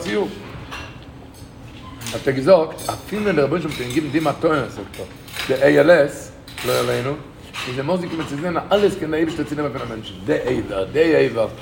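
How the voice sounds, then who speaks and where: A man's voice: medium pitch, vocal fry. A man giving an informal rabbi's talk to a group, emphatic, repeating his key phrases and rising into bursts of emphasis. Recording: echoey room with loud background noise.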